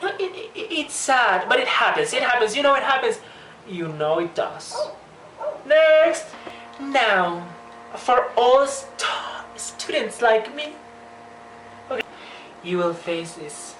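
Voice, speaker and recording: A young woman giving a joking, animated comedy vlog monologue, talking with playful exaggeration. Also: on the high side, slow pace, slight background noise. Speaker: vlogger. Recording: echoey room.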